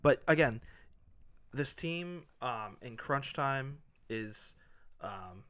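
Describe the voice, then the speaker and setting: A man's voice: medium pitch, lively intonation, drawn-out words, a bit bright, smooth. An American man hosting a casual sports discussion among friends, giving his opinions in informal language. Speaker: sports podcast host.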